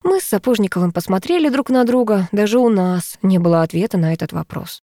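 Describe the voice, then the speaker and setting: A woman giving brisk, expressive first-person audiobook narration. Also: mid-range voice, no echo, studio quality.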